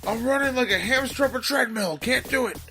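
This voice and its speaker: Squeaky, overwhelmed boot-camp recruit played by a man, high and strained. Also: a little fast, bright, forceful tone, soft background music, heavily acted. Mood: meek, strained. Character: squeaky, struggling young male army recruit.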